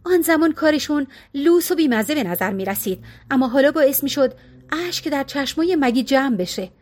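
A woman reading a novel as an audiobook narrator, in a steady, measured manner. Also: sits high. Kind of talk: scripted narration.

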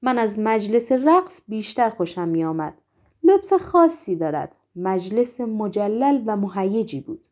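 A woman's voice: medium pitch, sing-song, darkish tone, close to an everyday voice. A woman voicing a sly, boastful male talking cat in a storybook reading, playful and mock-humble.

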